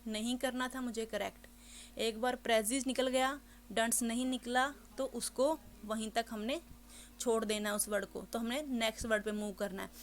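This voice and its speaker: A woman teaching an English exam lesson, explaining step by step and reading sample passages slowly and deliberately. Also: fairly high pitch, fairly even intonation.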